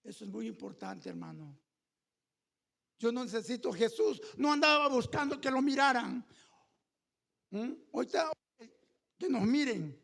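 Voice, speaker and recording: A man preaching a fervent sermon, at times shouting and calling the listeners brother. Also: very high-pitched, animated, unhurried, gravelly, long pauses. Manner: intimate, addresses listeners as brother. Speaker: pastor.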